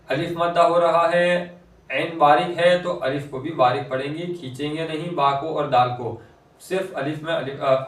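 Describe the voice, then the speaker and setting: Male tutor, slightly high voice, slow drawn-out recitation between explanations, roomy distant sound. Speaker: Quran reading teacher. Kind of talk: recitation lesson explaining pronunciation rules. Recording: echoey room, voice from a distance.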